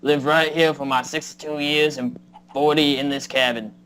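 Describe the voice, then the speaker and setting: A man's voice: on the high side, steady tone, moderate pace, fairly bright tone, faint music behind, lightly acted, poor audio. An actor playing a homespun old man in his sixties who lives alone in a mountain cabin, talking in a folksy rural drawl. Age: 60s. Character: frail old male mountain neighbor, homespun.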